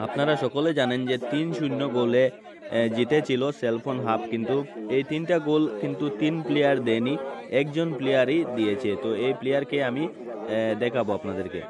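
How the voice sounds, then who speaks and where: Man, mid pitch, informal sports video presenter, outdoor crowd noise. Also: a little fast. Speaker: presenter of match highlights.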